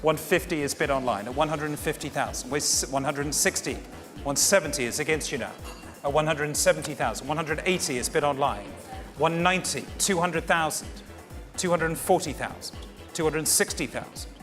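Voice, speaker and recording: A man's voice: a little high, a little fast, music in the background. A man working as a fine art auctioneer in a saleroom, formally and courteously calling and repeating bids to the room. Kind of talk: live fine art auction bidding patter.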